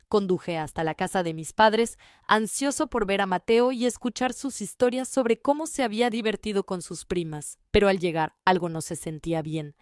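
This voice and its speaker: A woman reading a first-person family story in an even, measured way. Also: mid-range voice, smooth, no echo, studio quality. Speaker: narrator.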